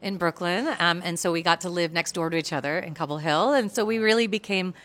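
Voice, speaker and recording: A woman's voice: on the low side, fast talker, a bit bright. An American woman speaking at a panel in a chatty, conversational way, with many fillers and restarts. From United States. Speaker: guest speaker at an urban planning event.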